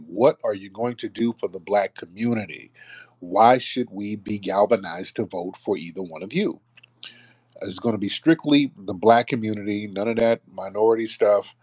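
A man's voice: on the low side, no room sound. A man hosting a live online call-in discussion, talking casually and bringing listeners up to speak one by one. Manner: relaxed, friendly, calls listeners up by name. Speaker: host of a live audio room.

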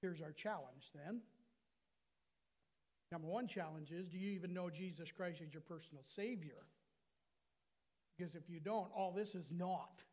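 An older American man preaching a sermon from the pulpit of a small church, slowing down to stress his words. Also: high voice, a little mellow. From United States. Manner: earnest preaching, slows and stresses key words. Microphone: lapel mic at a pulpit.

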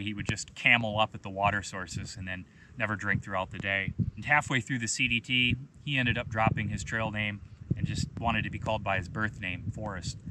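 A man in his thirties, a hiking vlogger, telling a personal story in a relaxed, conversational way and often saying "you know". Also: on the low side, noisy background. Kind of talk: casual storytelling to camera.

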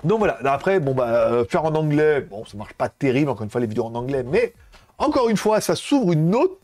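Male live-stream host, casual rambler, slightly high voice, dry close mic. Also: big pitch swings, a little fast, darkish tone, no echo. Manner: rambling, colloquial, many fillers and restarts. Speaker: tech livestream host. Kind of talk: casual live chat with viewers.

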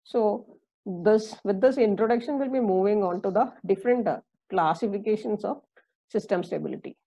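A woman lecturer with an Indian English accent giving a recorded engineering lesson, explaining slowly, with many fillers and repeats. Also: mid-range voice, vocal fry, dark tone, low-quality recording.

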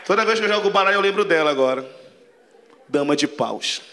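A man's voice: high voice, expressive, a little fast, fairly bright tone, a little hiss or hum. A man from Pará doing a crude, brash stand-up comedy set on a large theater stage, acting out the voices of people in his stories. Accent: Pará Brazilian Portuguese. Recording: live theater hall with crowd laughter.

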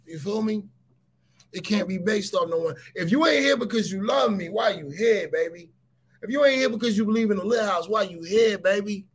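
A man's voice: sits high, brisk, slightly rough. A man hosting a casual livestream, talking emphatically to his viewers, repeating his points and often raising his voice. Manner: animated, emphatic, repeats phrases and shouts points. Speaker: livestream host.

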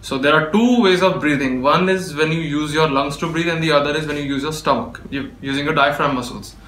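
Man, tutorial instructor, patient step-by-step explaining, slightly high pitch, echoey room. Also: brisk, a bit bright, a little hiss or hum. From India. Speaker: beatboxer teaching. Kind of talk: spoken tutorial.

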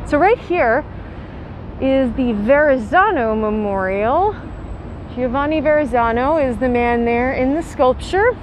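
A woman's voice: sits high, lively intonation, unhurried. A young woman tour guide narrating a walking tour outdoors in a city park, chatty and explanatory. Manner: chatty, explanatory, with light laughs. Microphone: handheld camera, guide mostly off screen. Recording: faint outdoor city noise.

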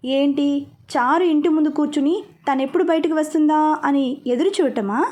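A stern young man who watches over his cousin, giving firm and commanding orders, as a woman storyteller reads his part. The voice sits high, with a mellow, soft tone, in a spoken audio story. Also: moderate pace, close to an everyday voice.

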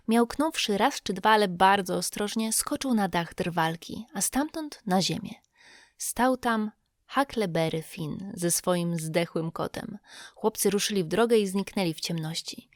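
A woman reads a classic novel aloud in a measured, suspenseful manner, drawing out her phrases slowly as the tension builds. Her voice sits at an ordinary middle pitch. The studio recording is close and dry, with no room sound around it. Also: no room sound. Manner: measured, suspenseful storytelling with slow drawn-out phrases. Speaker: audiobook narrator. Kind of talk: scripted literary narration.

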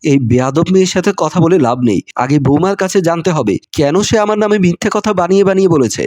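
A proud older mother-in-law who scolds with indignation, as a male narrator reads her. The voice is fairly high for a man, and the sound is dry and close. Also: expressive, fast, darkish tone, no room sound, close to an everyday voice. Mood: indignant.

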